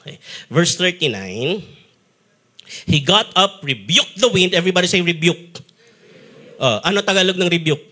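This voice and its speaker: On a church stage, a pastor with a Filipino accent preaches a sermon in a high-pitched voice at normal speed, pausing often. He tells stories in an animated way, acting out sounds and quotes and laughing frequently.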